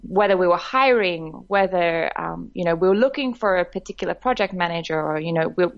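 A woman's voice: fairly low pitch, a little fast, lo-fi sound. A woman from Australia, telling her story in a podcast interview, chatty and full of fillers. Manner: warm, chatty storytelling with frequent laughs and fillers. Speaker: guest, director of a women's network.

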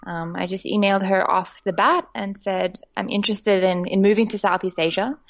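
An Australian woman who directs a women's network is a guest on a podcast, telling her story warmly and chattily, with lots of laughs and fillers. Her mid-range voice keeps a fairly even intonation at a moderate pace, and the audio sounds dull.

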